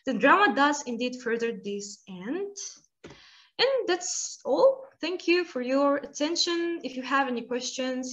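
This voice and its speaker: A woman's voice: sits high, a bit bright. A young woman reading out a formal presentation over a video call with dull, lo-fi sound. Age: young adult. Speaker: student presenter. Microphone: computer mic on a video call.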